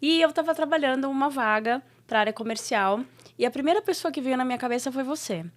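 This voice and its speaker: A woman's voice: high-pitched, fast. A woman hosting a casual interview, asking friendly, encouraging questions with frequent tag questions. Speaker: host.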